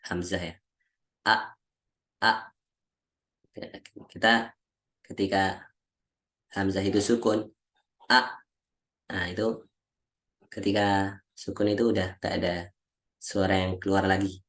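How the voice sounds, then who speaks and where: A male Quran recitation teacher giving a lesson on how Arabic letters are pronounced, slowly drilling syllables one by one and often clearing his throat, over a video call. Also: sits low, little pitch movement, a bit bright. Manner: slow, patient, repeats each syllable aloud as a drill.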